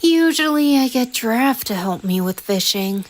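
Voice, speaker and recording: Her voice sits a little high at a moderate pace, lightly acted and set against heavy background noise. She portrays a young male bard in a fan audio roleplay, a doting single dad who's playful and easily flustered, sounding teasing and affectionately exasperated with sighs and chuckles.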